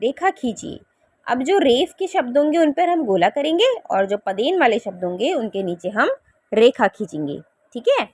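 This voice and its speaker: A woman teaching a grammar lesson to young pupils, her fairly high voice swinging widely up and down. She sounds words out slowly, syllable by syllable, and keeps asking the children whether they follow. The recording is close and dry, with no room sound. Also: no echo. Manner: coaxing, checks understanding with repeated questions.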